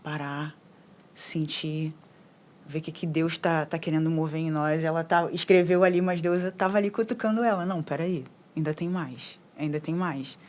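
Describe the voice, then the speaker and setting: A woman speaking calmly and reflectively in a casual talk about prayer. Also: low-pitched, normal speed. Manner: calm, reflective, often ends phrases with né. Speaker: guest on a faith livestream. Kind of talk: casual faith chat.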